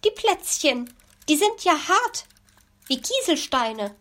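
Woman doing a shrill nosy magpie lady. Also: very animated, unhurried, a bit bright, full character voice. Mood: shrill, indignant. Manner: shrill, dramatic complaining. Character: fussy nosy female magpie, easily outraged. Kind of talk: storybook reading.

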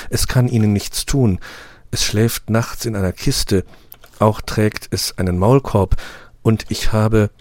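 A man reading an audiobook, voicing a polite male traveler who speaks courteously and comforts gently. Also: lowish voice, no room sound, pitched above the performer's own voice.

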